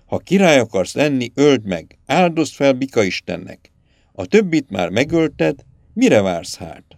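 A man voicing a scheming high priest who coaxes in a low, slow, soothing murmur. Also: sing-song, vocal fry, darkish tone, dry recording, clean studio sound. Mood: coaxing.

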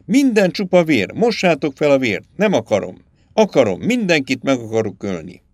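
A man's voice: huge pitch swings, no room sound. A man voicing a cruel, petulant young prince hungry for power, with a whiny, demanding way of talking. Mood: frenzied. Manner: whiny, demanding, shrill outbursts.

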